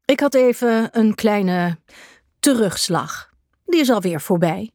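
A woman's voice: medium pitch, animated, slow, darkish tone, no room sound. Woman reading a haughty, touchy pedigree tomcat; storybook, dry sound. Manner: haughty, irritable. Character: snobbish, touchy male pedigree cat.

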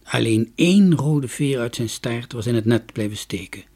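A man reading a children's story aloud with expressive, lilting delivery. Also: medium pitch, moderate pace, slightly rough.

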